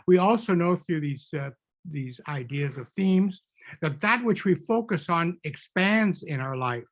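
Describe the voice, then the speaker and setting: A man's voice: a little high, vocal fry, a bit bright. A man who is a minister, leading a closing prayer in an earnest, flowing way.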